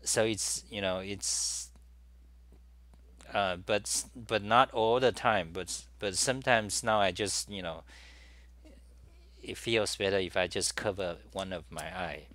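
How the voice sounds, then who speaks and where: A man's voice: sits low, measured pace, a bit bright, dry recording. A middle-aged man, talking alone to camera in a meandering monologue full of "you know" and restarts. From Taiwan. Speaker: talk show host. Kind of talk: rambling solo monologue. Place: small room at a desk.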